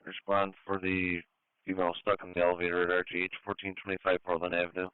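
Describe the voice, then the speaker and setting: A man's voice: low voice, completely flat delivery, fast, very noisy. A man working as a fire dispatcher, reading out calls in a procedural way over the radio. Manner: procedural, repeats addresses. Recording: narrowband dispatch radio channel.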